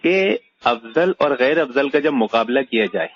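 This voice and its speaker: A man's voice: mid-range voice, lively intonation, highs cut off. A man teaching a religious point in a debate-style chat, arguing with pointed rhetorical questions. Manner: argumentative, rhetorical questions, emphatic.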